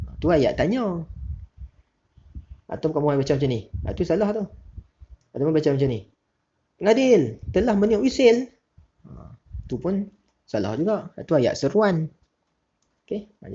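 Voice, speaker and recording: A male teacher gives a recorded lesson, reading each question slowly and deliberately before relaxed asides to the pupils. His voice is mellow and a little husky. The recording sounds dull and lo-fi. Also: medium pitch.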